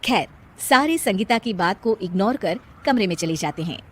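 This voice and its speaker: A woman's voice: mid-range voice, lively intonation, moderate pace, a bit bright, slightly rough. A woman narrating a scripted story for a cartoon video.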